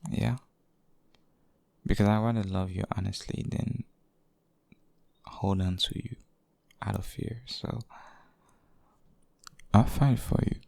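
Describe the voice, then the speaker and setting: A man voicing a devoted, possessive boyfriend in an intimate, hushed ASMR role-play, speaking haltingly and tenderly. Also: fairly low pitch, fairly even intonation, gravelly, no room sound, heavily acted. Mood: earnest, devoted. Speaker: audio role-play performer.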